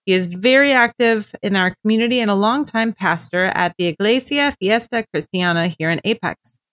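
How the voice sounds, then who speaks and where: A woman from the US West Coast hosts a podcast interview, opening with a friendly, upbeat scripted intro. Her mid-range voice is fairly bright and moves at a normal speed.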